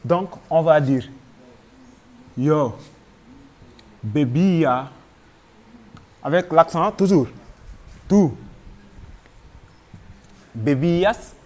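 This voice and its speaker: A man's voice: fairly high pitch, slow pace, long pauses. A man with a Senegalese French accent teaching a grammar lesson, patiently spelling out verb forms one by one.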